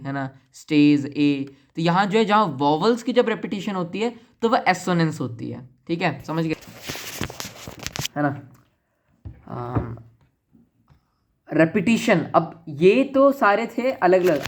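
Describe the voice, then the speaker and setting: Chatty joking male literature teacher. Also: on the high side. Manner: chatty and joking, mixing Hindi and English, reads English examples slowly. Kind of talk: casual Hindi-English literature lesson.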